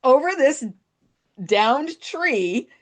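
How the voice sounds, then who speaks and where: A woman's voice: high-pitched, very animated, extremely slow. A middle-aged woman co-hosting a podcast, telling a story in casual chat and laughing at herself. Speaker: podcast co-host.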